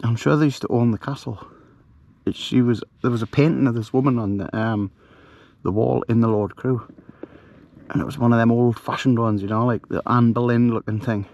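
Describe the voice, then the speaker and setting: Hushed man telling a ghost story. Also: medium pitch, steady tone, fairly quick. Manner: hushed, rambling, with many fillers. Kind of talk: casual storytelling to camera. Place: outdoors at night, camping.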